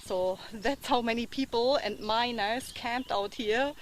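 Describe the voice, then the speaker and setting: A woman's voice: on the high side, a little slow, slight background noise, poor audio. A woman chats casually and muses aloud as she hosts a metal-detecting vlog. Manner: chatty, musing aloud with tag questions. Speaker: metal-detecting treasure hunter and vlog host. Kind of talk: casual vlog commentary while digging.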